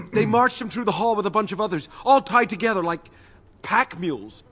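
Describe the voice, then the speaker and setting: A woman's voice: mid-range voice, lively intonation, normal speed, lightly acted. A woman voicing a frightened elf woman in a video game, nervous and pleading. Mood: fearful.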